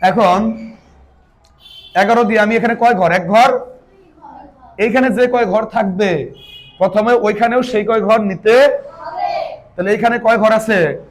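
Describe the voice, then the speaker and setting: Guy teaching long division, fairly high voice, keeps quizzing the kids and answering himself, teases them a bit. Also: fairly even intonation, measured pace, long pauses. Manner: asks pupils repeated questions, answers himself; chiding, teasing asides. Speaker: math teacher. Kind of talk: classroom math lesson.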